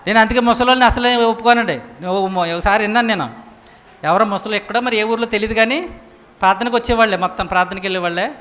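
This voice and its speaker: A man preaching a sermon with emphatic rhetorical questions, swinging from loud to hushed. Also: high voice, fast. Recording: echoey hall reverb.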